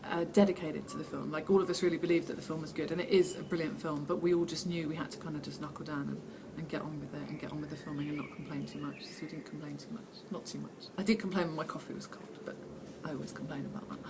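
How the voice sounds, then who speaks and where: Low, gravelly, and fast-talking, this actress reads out her own interview questions and answers them in a loose, chatty, self-deprecating way. There's a constant hum of background noise.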